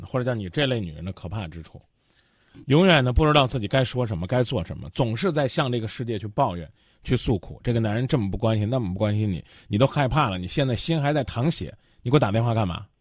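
A man's voice: mid-range voice, lively intonation, fast talker, dry recording, studio quality. A man hosting a radio advice show, blunt and lecturing, cutting his caller off to press her.

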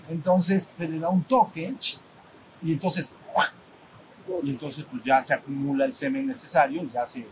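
A man gives a loose, conversational retreat lesson in a slightly raised voice. He keeps circling back and restarting phrases, asking the group whether they follow. A constant low rumble and hiss run under the recording. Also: low-quality recording. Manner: conversational, full of restarts, checks in with listeners, acts out sounds. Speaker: spiritual retreat teacher. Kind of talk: informal retreat lecture. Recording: steady background rumble and noise.

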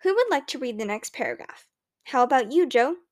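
A woman voicing a polite, prim schoolteacher who speaks to her class with measured, formal diction. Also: high voice, very animated. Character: female schoolteacher, polite, prim, quietly pitying.

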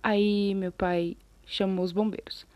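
A Brazilian woman telling a casual story, chatty and animated, often losing her thread, her throat a little scratchy. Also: mid-range voice, slow pace, dry recording.

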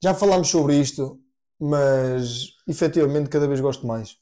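A man's voice: medium pitch, normal speed, mellow. A man with a European Portuguese accent co-hosting a podcast, chatting casually and swearing freely. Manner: laid-back, swears often. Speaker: podcast co-host. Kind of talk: casual chat.

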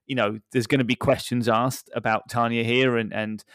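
A man of middle pitch co-hosts a casual podcast, thinking aloud with many fillers. He sounds dry and close to the mic. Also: level tone, normal speed, a bit bright, smooth, dry recording. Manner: thoughtful, rambling with fillers. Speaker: podcast co-host. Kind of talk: casual discussion.

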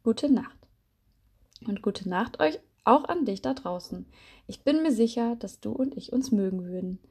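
A woman reads a children's bedtime story aloud in a gentle, calm manner. Her voice is mellow and soft-edged. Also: mid-range voice, moderate pace, husky.

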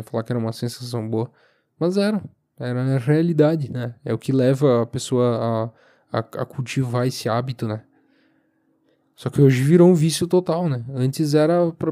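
A young man with a southern Brazilian accent speaks alone in a casual podcast monologue. His voice is soft-edged and relaxed, at a medium pitch, and he sounds sleepy. He meanders informally, often halting as he searches for his words. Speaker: podcast host. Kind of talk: casual solo monologue, rambling. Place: recorded lying down, alone.

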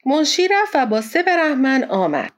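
A woman narrating an audiobook in a steady storytelling manner. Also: high-pitched.

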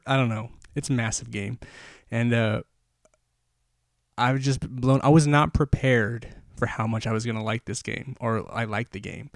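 A man's voice: medium pitch, no echo, clean studio sound. Breathless rambling male podcast host. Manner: rambling and enthusiastic, many fillers and restarts. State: slightly out of breath. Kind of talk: solo podcast chat.

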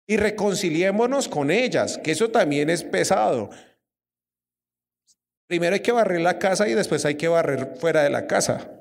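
A young Colombian preacher with a high voice gives a lively sermon, keeps questioning his congregation. His voice rings through a hall with a long reverb. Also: moderate pace, gravelly. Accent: Colombian Spanish. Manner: lively, asks the audience questions.

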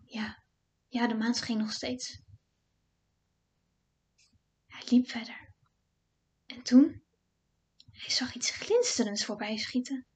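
A woman telling a first-person fairy tale slowly, often dropping to a hushed whisper. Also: a little high, breathy edge. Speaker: storyteller. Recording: dull lo-fi recording.

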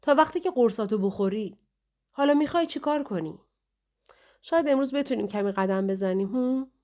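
A woman's voice: a little high, expressive, dark tone, lightly acted. A woman reading the part of a firm, controlling woman caretaker who scolds and lectures in an audiobook. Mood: stern.

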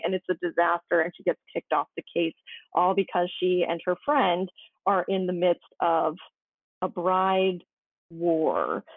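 A woman's voice: mid-range voice, no room sound. A woman in her twenties chatting sarcastically as a podcast co-host, with lots of "like" fillers. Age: 20s. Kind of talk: casual podcast chat. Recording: tinny phone-like line.

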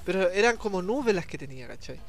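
A man's voice: high-pitched, fast, faint music behind. A young Chilean man co-hosting a podcast, casually and animatedly telling a story to friends. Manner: animated, acts out shouted quotes. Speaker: podcast co-host.

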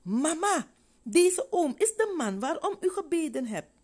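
A woman voicing an eager ten-year-old girl who asks excited, insistent questions. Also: fairly low pitch, normal speed.

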